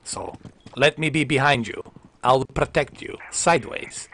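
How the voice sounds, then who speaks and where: His medium-pitched voice is animated yet a bit slow and slightly bright, with some faint hiss or hum. He's a man in his thirties playing a game at home on stream, teasing his viewers, joking and swearing into a headset with a big foam mic.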